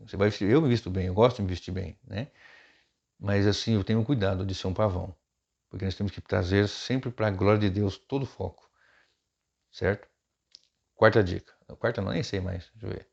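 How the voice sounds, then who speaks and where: A pastor talks off the cuff, his voice low and gravelly. His manner is chatty and informal, full of quick asides and tag questions. The recording sounds dull and lo-fi. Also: darkish tone. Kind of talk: unscripted preaching advice.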